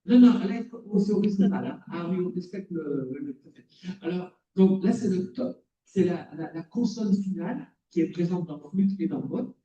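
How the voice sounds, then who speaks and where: Distant, high-pitched male lecturer. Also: lively intonation, moderate pace, mellow. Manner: explanatory, quizzes the audience. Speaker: lecturer in cognitive psychology. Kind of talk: conference talk. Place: lecture hall. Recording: roomy, distant, dull.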